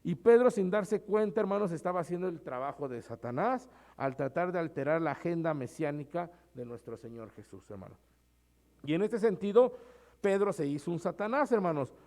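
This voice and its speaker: Male pastor, relaxed conversational sermon delivery, voice slightly higher than average. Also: moderate pace. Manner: conversational preaching, often adds "hermanos".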